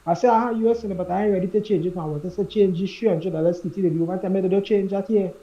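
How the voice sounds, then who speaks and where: High-voiced Trinidadian man on a muffled line. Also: steady tone, racing. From Trinidad and Tobago. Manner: storytelling, repeats himself, acts out the dialogue. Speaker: caller. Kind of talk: phone-in chat.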